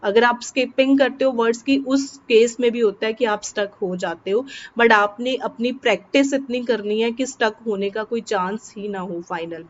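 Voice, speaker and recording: A woman with a Punjabi accent teaching exam tips to students, switching between Hindi and English and slowing down to stress the English tips. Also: on the high side. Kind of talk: lesson to students. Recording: dull, slightly noisy recording.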